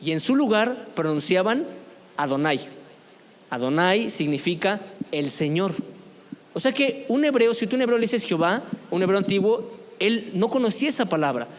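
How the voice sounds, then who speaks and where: In a church meeting room with the sound of a large hall, a high-pitched man teaches a youth group about apologetics. He keeps it conversational and often asks the group questions.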